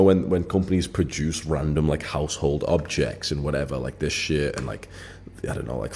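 A very deep, mellow voice belongs to this channel host in his late twenties. Facing the camera, he talks bluntly and casually, swearing without restraint and filling gaps with filler words.

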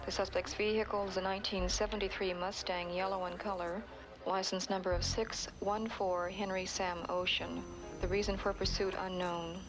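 A woman's voice: mid-range voice, flat delivery, moderate pace, over loud music, lightly acted, poor audio. A woman playing a police dispatcher in a film, reading a formal radio bulletin in a clipped, procedural, unemotional way. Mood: brisk, official. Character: female police dispatcher, brisk and official.

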